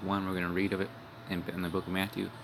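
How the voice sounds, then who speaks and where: With music playing behind, a young street preacher rambles through a casual video sermon, swearing bluntly and capping his lines with "man" and "all right." His voice is low, gravelly, monotone and fast, with background noise in the recording.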